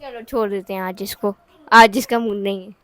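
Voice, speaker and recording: A woman's voice: mid-range voice, fairly even intonation, normal speed, fairly bright tone. A woman vlogging casually, coaxing and teaching in a playful manner like a teacher. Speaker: family vlogger. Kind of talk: casual vlog.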